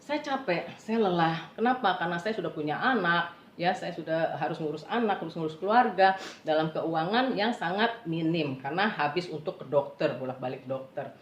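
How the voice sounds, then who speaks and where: A middle-aged woman giving a personal faith testimony in an earnest, halting way, often turning to address her listeners directly. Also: fairly low pitch, a little hiss or hum. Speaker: testimony speaker. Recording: roomy, dull lo-fi recording.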